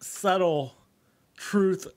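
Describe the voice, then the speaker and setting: An older man giving casual, expressive reaction commentary in informal, sweary language, speaking close to the microphone. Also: high voice, extremely slow. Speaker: reaction video host. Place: small home room. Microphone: close microphone on a boom arm.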